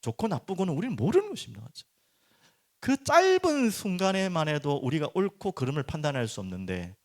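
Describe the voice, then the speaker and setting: A middle-aged male pastor preaching a sermon at a midweek prayer service, firing rhetorical questions and acting out people's inner thoughts. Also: medium pitch.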